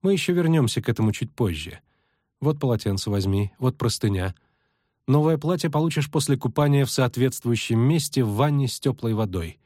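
A male reader voicing a calm, patient elven sorceress who speaks crisply and in command. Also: mid-range voice, fairly quick, no room sound, studio quality, natural voice.

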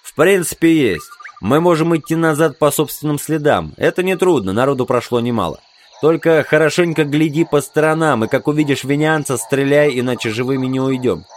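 A man's voice: a little high, fairly quick, close to an everyday voice. A man voicing a burly, practical infantry sergeant who talks matter-of-factly. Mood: plain.

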